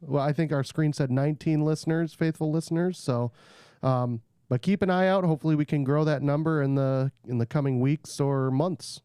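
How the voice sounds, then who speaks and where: A man's voice: on the high side, fairly even intonation, normal speed, mellow, smooth, dry recording, clean studio sound. A man co-hosting a podcast, easygoing and hesitant, wrapping up the show with casual chat. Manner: easygoing, laughs often, hesitant fillers. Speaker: podcast co-host.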